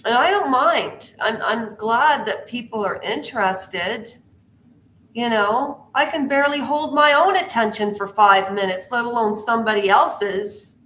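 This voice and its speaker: Chatting about pop culture on her vlog, a woman drifts from tangent to tangent and fires questions at the audience. She speaks a little slowly in a slightly high, somewhat bright voice, and the room is echoey.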